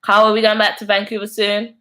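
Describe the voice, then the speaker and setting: A young London woman talks fast in a mid-range, monotone voice that sounds bright and forceful. Hosting a YouTube live stream in her London accent, she chats casually and laughs often while reading and responding to viewer comments.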